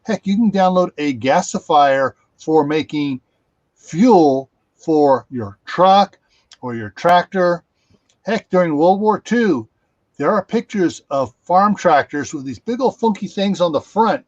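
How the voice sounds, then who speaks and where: A man's voice: on the high side, lively intonation, slow pace, no room sound, lo-fi sound. A man hosting a casual livestream, rambling with many fillers and restarts, speaking over a video call. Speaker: livestream host.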